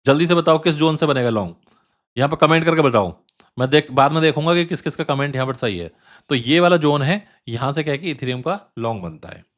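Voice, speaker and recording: A man with a slightly high voice walks viewers through trading charts in a loose, conversational way. He repeats his key phrases for emphasis and fills pauses with chatty asides, like a channel host teaching his regulars. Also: lively intonation. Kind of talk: casual chart analysis tutorial.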